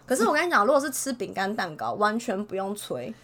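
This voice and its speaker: A woman who works as a preschool teacher, telling a story in a casual chat, animated and exasperated. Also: medium pitch, fast talker.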